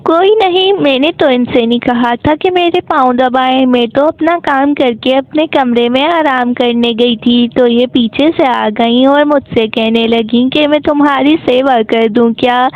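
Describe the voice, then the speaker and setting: A woman voicing a sharp-tongued young wife who talks back defiantly, in a cartoon story. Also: sits high, a little slow, few pauses, dry recording, highs cut off.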